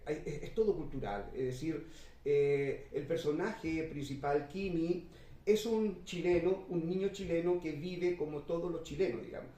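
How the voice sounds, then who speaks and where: A man moderates a literary panel discussion, measured and unhurried, pausing often on long fillers. His voice is a little high for a man, with a dark, mellow tone. He sits some distance from the mic in a roomy, echoing space. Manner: measured, many drawn-out "eh" fillers.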